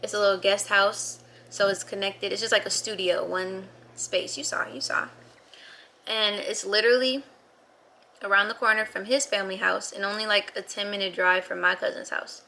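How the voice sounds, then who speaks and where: Bubbly, bright-toned woman vlogger. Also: medium pitch, fairly even intonation, moderate pace, creaky. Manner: bubbly and playful, laughing often. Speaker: travel vlogger. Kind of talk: casual chat. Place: indoors in a small studio rental. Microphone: camera mic, talking to camera.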